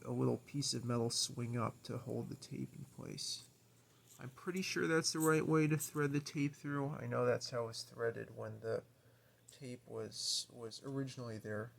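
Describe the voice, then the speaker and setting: This is a man with a gravelly, medium-pitched voice. Working without a script, he's an amateur video maker demonstrating equipment at home in a carpeted room, pondering out loud and sounding slightly unsure.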